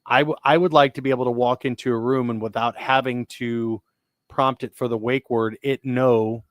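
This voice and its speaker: Male podcast co-host, casual rambler, even mid voice, dry studio sound. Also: mid-range voice, moderate pace, no room sound. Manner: rambling, restarts often, enthusiastic about sci-fi tech. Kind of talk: casual chat.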